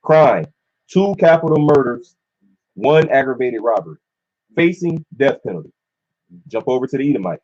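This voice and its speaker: A man's voice: mid-range voice, lively intonation, normal speed, pauses often, darkish tone. A man in a casual religious discussion, reading out case details and chatting in casual slang. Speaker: discussion participant. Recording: dull lo-fi recording.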